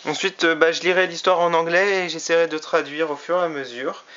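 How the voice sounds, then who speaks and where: A man's voice: a little high, steady tone, fairly quick, bright, forceful tone. A man casually reviewing a toy he bought, chatty and often hesitating with fillers. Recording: slightly dull lo-fi recording.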